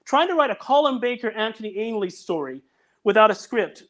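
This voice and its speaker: An audio drama producer appears as a guest on a casual podcast, chatting over a video call. His high-pitched, fairly bright voice is very animated and fairly quick, and he speaks earnestly while frequently restarting sentences.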